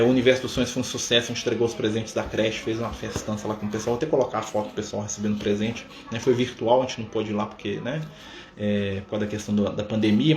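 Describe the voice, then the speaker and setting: A man's voice: medium pitch, echoey room. A Brazilian man leading a live-streamed spiritist study talk, conversational, often tagging his sentences with a questioning "né?". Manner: conversational, fills pauses with a questioning "né?". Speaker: spiritist study group leader. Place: room at a community center.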